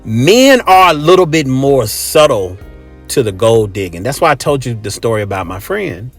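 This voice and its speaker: Close-miked, an American host delivers a casual, opinionated monologue, speaking bluntly and emphatically with swearing and repeated phrases. He has a sing-song, medium-pitched voice at a moderate pace, with soft background music.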